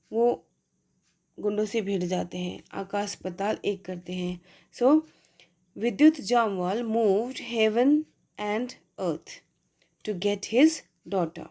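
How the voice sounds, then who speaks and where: A woman with an Indian accent teaching spoken English, reading English sentences slowly and explaining them in Hindi. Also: mid-range voice, a little mellow.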